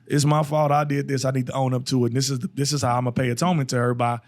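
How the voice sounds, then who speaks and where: Young adult man, podcast co-host, mid-pitched voice, calm and reflective in casual talk. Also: rapid-fire. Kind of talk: casual chat.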